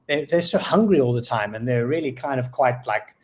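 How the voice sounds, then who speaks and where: A South African man speaking as a guest in an interview, thinking aloud about his craft. He talks reflectively and pauses often to search for the right word, with plenty of fillers along the way. His voice sits at an ordinary middle pitch for a man. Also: expressive, darkish tone. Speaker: guest poet. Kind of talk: casual interview conversation.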